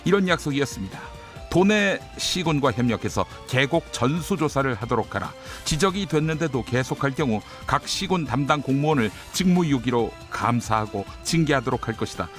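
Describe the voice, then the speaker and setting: A man's voice: medium pitch, animated, a little fast, faint music behind. A man hosting a radio show, delivering an indignant editorial commentary and show opening. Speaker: radio host.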